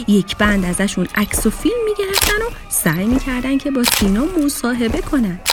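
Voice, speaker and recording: A woman narrating a storybook for children and speaking affectionately to young listeners. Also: fairly high pitch. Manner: warm, affectionate sign-off to kids. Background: music.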